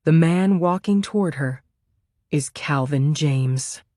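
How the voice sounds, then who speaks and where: In calm, measured scripted narration, a woman with a notably low voice reads a thriller audiobook. The recording is close and dry, without any room sound.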